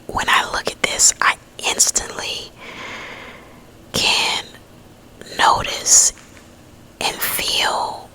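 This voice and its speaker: A woman rambling gently in a breathy ASMR whisper, lingering on drawn-out words. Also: rough recording. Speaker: ASMR host.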